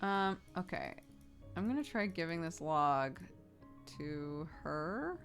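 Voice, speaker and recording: Woman streamer narrating over clear background music. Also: sits low, very animated, slow pace. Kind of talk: reading a story game aloud with casual live commentary.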